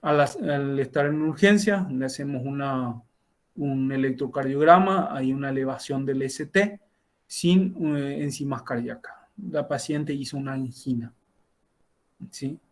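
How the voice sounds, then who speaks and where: This middle-aged doctor teaches a university class via video call, narrating a clinical case as part of his lecture. He speaks in a mid-range voice and stumbles along, often restarting, correcting himself and tacking on tag questions.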